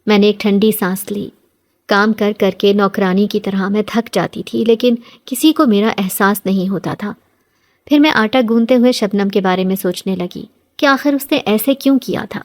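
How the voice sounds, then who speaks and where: A woman narrating a scripted horror story in a steady, dramatic reading. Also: medium pitch.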